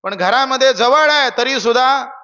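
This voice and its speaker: A man's voice: extremely high pitch, moderate pace, sharp tone, in a large hall. A young man preaching a kirtan sermon, telling stories and asking the audience questions. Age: young adult.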